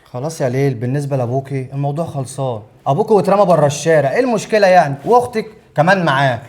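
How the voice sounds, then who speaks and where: A man's voice: a little high, very fast, a little mellow, close to an everyday voice. A young man with an Egyptian accent playing a sly, manipulative husband. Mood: smug. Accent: Egyptian Arabic. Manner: smug and plotting. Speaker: scheming husband. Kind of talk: web drama acting.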